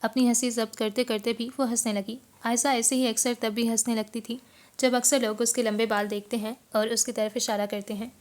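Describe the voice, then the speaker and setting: Woman audiobook narrator, slightly high voice, measured expressive storytelling. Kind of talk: scripted novel narration.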